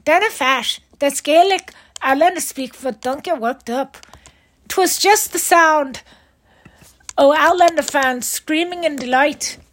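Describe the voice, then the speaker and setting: A woman's voice: sits high, takes it slowly, fairly bright tone. A woman putting on a bad Scottish accent as a hammy Scottish-accented teller. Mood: playful. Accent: put-on Scottish.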